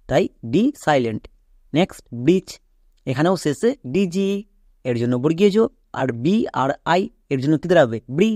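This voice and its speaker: A man teaching an English spelling lesson, with a mellow voice that sits slightly high. He keeps asking questions and answering them himself, and he spells words out slowly, one letter at a time. The recording is dry and close, with no room sound. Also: no echo. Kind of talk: explanatory lesson.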